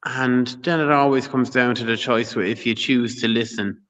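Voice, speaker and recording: A man's voice: medium pitch, steady tone, normal speed, a bit bright, muffled recording. A man talking casually as a guest on a live stream, rambling and often asking "you know what I mean". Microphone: video call.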